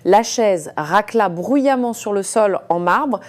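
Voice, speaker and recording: Woman storyteller, mid pitch, hesitant narration with fillers. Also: animated, slow pace.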